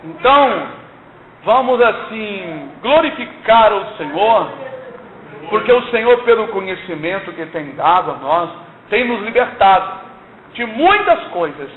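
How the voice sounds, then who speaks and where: A man's voice: sits high, very animated, unhurried. An older man giving an earnest, exhorting church testimony, often asking "não é?". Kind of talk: sermon-like testimony. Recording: tinny lo-fi recording in echoey room, faint hiss.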